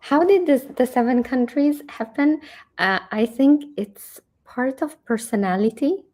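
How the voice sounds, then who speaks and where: A woman's voice: sits high, measured pace, warm tone. A woman from Hungary, a career coach chatting animatedly in an interview with frequent restarts. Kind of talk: casual interview chat.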